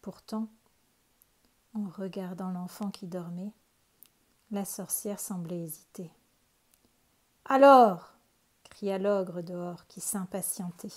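A woman calmly reading a children's picture book aloud. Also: lowish voice. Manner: calm, unhurried storytelling. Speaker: storyteller.

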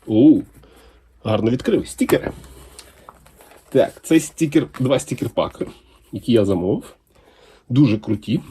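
A man's voice: mid-range voice, slightly rough. A man talking casually and enthusiastically as he unboxes comics for his channel. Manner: enthusiastic, unhurried, lively intonation.

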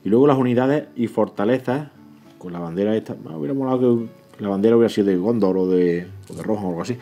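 A man, excitedly unboxing a board game in casual talk, often pleading to himself and chattering to viewers. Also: on the low side, fast talker, gravelly, muffled recording, faint music behind. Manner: excitable, pleading and self-talking. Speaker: board game channel host. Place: indoors at a table, off camera.

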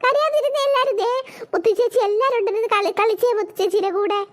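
A woman's voice: very high voice, quick pace. A woman voicing a cheerful female preschool teacher in a cartoon, coaxing crying children in a sing-song Malayali way. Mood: soothing. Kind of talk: cartoon voice acting.

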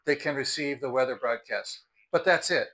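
Outdoors by the front door of a house, a man in his sixties from America talks to the camera about products. He is conversational and emphatic without a script. His mid-range voice has a fairly bright tone and a normal speed.

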